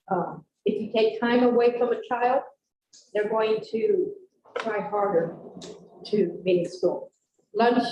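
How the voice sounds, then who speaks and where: A school board member with a mid-range voice speaks frankly at a public meeting, rambling and restarting often. The recording is muffled, echoey and noisy, picked up by a distant room mic in the meeting room.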